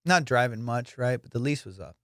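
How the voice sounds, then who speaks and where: In a brisk, mid-range voice, a young comedian who hosts a podcast delivers a casual monologue of swaggering, foul-mouthed stories punctuated by excited bursts. The sound is studio quality with no echo.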